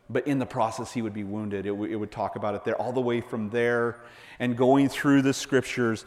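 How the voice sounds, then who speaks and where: A man preaching a sermon, lively and playful, acting out the voices of the people in the story. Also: medium pitch. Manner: animated, playful, acts out voices of Bible figures. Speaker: pastor. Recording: long hall reverb.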